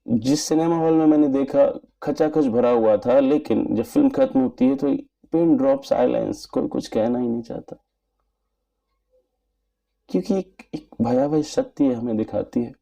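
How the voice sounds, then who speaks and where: Man, film reviewer, earnest and measured, gravelly, dark mellow tone. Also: mid-range voice, sing-song. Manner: earnest and measured, formal wording. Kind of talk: spoken movie review.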